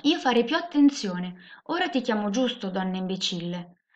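A woman's voice: mid-range voice, measured pace, fairly bright tone, close to an everyday voice. A woman voicing a naive, polite little male elf child who speaks in earnest, broken grammar. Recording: muffled lo-fi recording.

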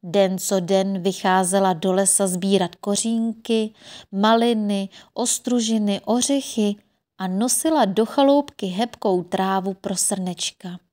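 A woman narrating a fairy tale audiobook in a gentle, expressive storytelling voice. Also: medium pitch.

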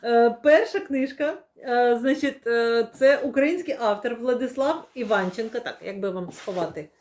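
A young woman talks casually to the camera as she unboxes new books. Her voice sits a little high, and she rambles playfully, fills pauses with hesitations and laughs often. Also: a little mellow, slight background noise. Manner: chatty, many fillers, laughs often, playful. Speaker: book vlogger. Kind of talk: casual book unboxing chat.

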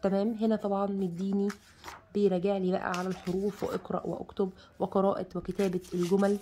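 A woman's voice: medium pitch, little pitch movement, quick pace, mellow, a little hiss or hum. A woman with an Egyptian Arabic accent casually reviewing a book, chatty and enthusiastic, reading out its contents with many fillers. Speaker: bookshop presenter reviewing a children's book. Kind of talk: casual book review while leafing through pages.

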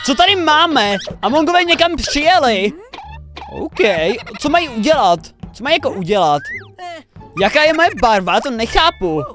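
Excitable young man reacting over music. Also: extremely high pitch. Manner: excitable, shouts warnings, repeats himself. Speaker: reaction video host. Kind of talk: casual reaction commentary. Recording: loud music under the voice. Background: the animation's music.

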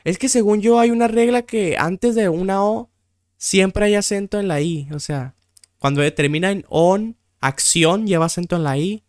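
Mexican guy streamer, smooth voice, close dry mic, mutters and curses through a quiz. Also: sits high, normal speed, darkish tone, dry recording. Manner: thinks aloud, swears freely, easily exasperated. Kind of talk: casual gameplay commentary.

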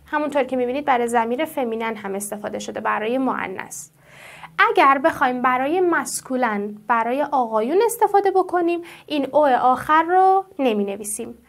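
A woman teaching French who draws out each French word slowly and asks her students questions. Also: high-pitched, animated. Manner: slow, drawn-out pronunciation of French words; explains patiently and asks the class questions. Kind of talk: classroom-style language lesson.

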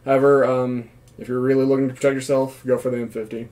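Male vlogger, casual reviewer, mid-pitched with flat intonation. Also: quick pace. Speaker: gas mask reviewer, former Marine. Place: small room indoors.

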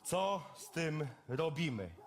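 High, lively man in a cabaret sketch. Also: takes it slowly, vocal fry, slight background noise. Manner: lively, blunt working-class banter. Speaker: cabaret performer. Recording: stage mic with loud audience laughter.

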